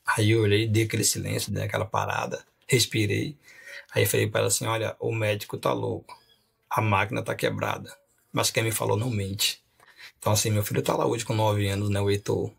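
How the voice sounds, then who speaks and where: A man recounts his life story as a pastor on a podcast. His voice is gravelly and husky, lively in its storytelling and broken up by chuckles. He speaks in an easy, conversational way. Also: on the low side, brisk. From Rio de Janeiro. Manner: animated storyteller, laughs often.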